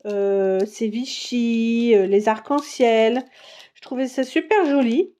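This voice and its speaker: Slow chatty woman showing her craft haul. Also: a little high, mellow. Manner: chatty, many fillers and pauses while browsing papers. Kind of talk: casual show-and-tell.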